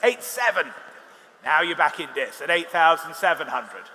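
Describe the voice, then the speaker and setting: A British man working as an auctioneer, calling live bids quickly with wry, bantering asides to bidders. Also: on the high side, sing-song, pushed and bright. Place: large reverberant auction hall. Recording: reverberant hall, amplified, faint background noise.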